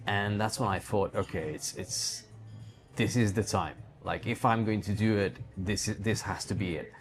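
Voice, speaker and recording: Over soft background music, a Hungarian man with a lowish voice speaks at a moderate pace. As an interview guest, he conversationally describes his life and his work as a digital entrepreneur running a book publishing company.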